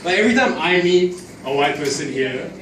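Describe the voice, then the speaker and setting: This Singaporean stand-up comic has a slightly high, fairly bright, expressive voice and talks a little fast during a crude, profanity-laden open-mic set. He's in a small comedy club, recorded from a distance with echo and audible crowd noise.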